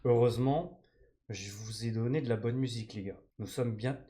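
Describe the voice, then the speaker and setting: A man's voice: mid-range voice, moderate pace, warm tone. A man from France streaming a game live, chatting with his viewers in slangy, joking banter. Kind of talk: live-stream gaming commentary.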